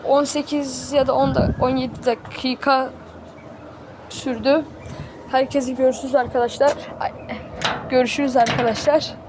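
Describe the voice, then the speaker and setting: A woman's voice: high voice, flat delivery, normal speed, pauses often. A woman chatting casually to her viewers from a chicken coop, talking to them like friends and bluntly scolding the animals around her. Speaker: vlogger. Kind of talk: casual vlog chat. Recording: loud farmyard noise with clucking birds.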